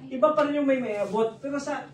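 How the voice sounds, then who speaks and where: A business presenter with a high, slightly fast voice gives a jokey seminar talk in an office hall, repeatedly quizzing the live audience. Recorded from afar, the sound is roomy with audience noise.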